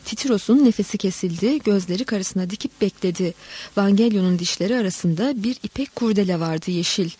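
A woman narrating a literary story in a steady, dramatic reading voice. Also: medium pitch, a little fast, husky.

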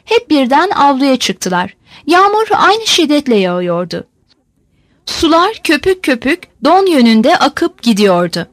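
A woman narrates a novel in a measured, expressive audiobook reading. Her voice sits high and moves with wide, lively swings. The recording is close and dry, with no room sound. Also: no echo.

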